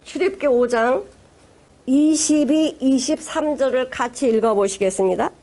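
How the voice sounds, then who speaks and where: A woman pastor preaching a sermon, retelling scripture in lively, dramatized storytelling and acting out the voices of those she quotes. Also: sits high, moderate pace. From South Korea.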